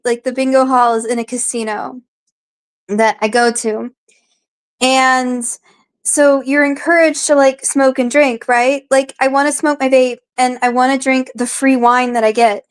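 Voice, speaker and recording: A woman hosting a relaxed live stream talks straight to her viewers in a chatty, meandering way, dropping curses and filler words freely. Her voice sits somewhat high for a woman. She reacts to comments as she reads them. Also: clear, resonant tone. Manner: rambling, profane, filler-heavy. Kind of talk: casual live-stream chat.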